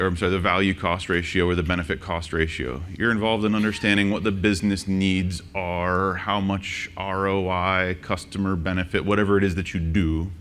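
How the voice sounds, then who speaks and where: A man presenting a conference workshop, joking and quizzing the audience with quick questions. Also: low voice, a bit bright, slight background noise. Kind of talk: interactive conference talk. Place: conference session room.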